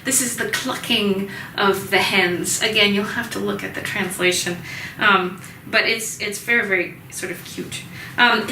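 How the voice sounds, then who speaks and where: A woman's voice: mid-range voice, bright, forceful tone, reverberant, far from the mic, a little hiss or hum, low-quality recording. A woman teaching music history in a chatty recorded lecture, with many ums, sometimes acting out the sounds in the music. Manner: chatty, many ums, voices vendor cries and hen clucks for fun.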